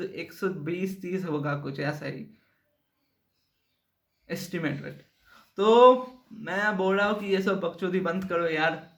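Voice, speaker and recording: A man's voice: high voice, a bit bright. A young man giving a heated, mocking and profane commentary rant. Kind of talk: ranting commentary video. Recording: echoey room.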